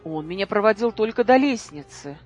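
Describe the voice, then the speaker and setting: Reader as cold, commanding mother, scornful, loud. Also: mid-range voice, animated, fairly quick, faint music behind, pitched above the performer's own voice, natural voice. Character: cold, stern mother losing her temper.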